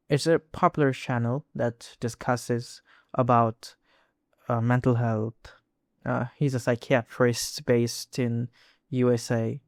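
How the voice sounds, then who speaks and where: A young Indian vlogger with an Indian English accent talks casually to the camera in a medium-pitched, clear, resonant voice. His speech is halting, full of restarts and fillers, and the studio recording is clean with no echo.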